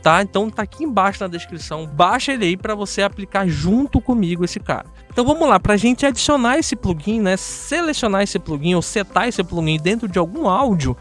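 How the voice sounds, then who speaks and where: A high-pitched male voice with a Brazilian Portuguese accent. He presents a software tutorial in a casual, chatty way, speaking directly to his viewers and often tagging on little check-in questions. Faint music plays underneath. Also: lively intonation, brisk, hardly any pauses. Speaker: host of an audio software tutorial channel.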